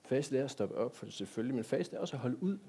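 Husky man preaching. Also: mid-range voice, expressive, mellow. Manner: conversational preaching with rhetorical questions to the congregation. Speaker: pastor. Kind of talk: sermon.

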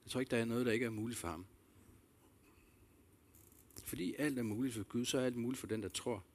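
A man preaching a sermon, earnest and reflective, repeating key phrases and addressing listeners directly with questions. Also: medium pitch. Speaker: pastor.

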